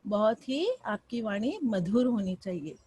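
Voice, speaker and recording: A woman teaching a class, from Mumbai, speaking with lively rises and falls and often asking her students questions. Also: medium pitch, a little slow, breathy edge. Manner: expressive, rising and falling delivery with frequent questions to students. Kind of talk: classroom lesson.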